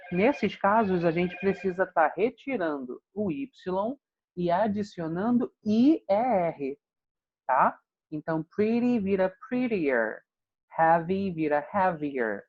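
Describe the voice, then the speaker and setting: A man with a Brazilian Portuguese accent, an English teacher calmly explaining grammar in an online lesson. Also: high voice. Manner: patient, explanatory, frequent "né?" check-ins. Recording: dull lo-fi sound.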